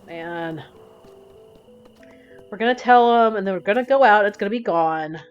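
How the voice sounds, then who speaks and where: A woman commentating while playing a game, mumbling and critical of herself. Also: mid-range voice. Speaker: gaming channel host. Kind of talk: let's play commentary. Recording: slightly muffled with game music.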